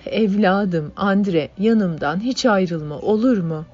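A woman's voice: medium pitch, slow, a little mellow, slightly rough. A woman voicing a worried old working-class mother who speaks in short, anxious phrases. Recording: dull lo-fi audiobook, faint music.

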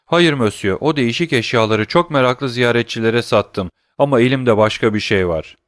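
A man voicing a humble, eager male prison doorkeeper in a storybook reading, speaking in a deferential, excited way. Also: mid-range voice, moderate pace, dry recording, clean studio sound, close to an everyday voice.

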